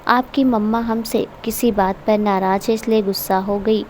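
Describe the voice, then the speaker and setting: A woman voicing an angry young husband who is also a protective uncle, read in a stern, forceful way. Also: mid-range voice, steady tone, normal speed, slight background noise, natural voice. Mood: tender.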